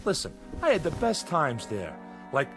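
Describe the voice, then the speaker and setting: In a mid-century TV drama, an actor plays a boyish, restless married man in his late thirties who is nostalgic and excited, wistful yet defensive when nagged. His voice is a little high at normal speed, heard on a vintage TV soundtrack with music.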